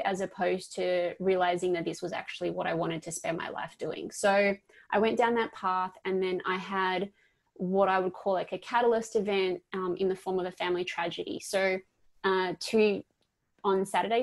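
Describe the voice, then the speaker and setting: A woman's voice: mid-range voice, creaky. Upbeat Australian woman in her thirties. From Perth, Australia. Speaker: life coach guest. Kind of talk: casual interview talk.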